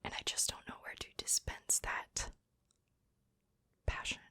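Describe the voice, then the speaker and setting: A woman's voice: unhurried, bright, forceful tone, no room sound. A woman whispering breathily, very close to the ear, in a casual ASMR chat. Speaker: ASMR video maker. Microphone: very close to the mic, ear to ear.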